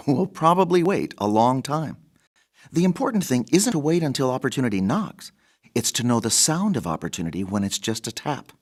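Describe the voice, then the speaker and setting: A man presenting a scripted inspirational radio program. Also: mid-range voice. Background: background music.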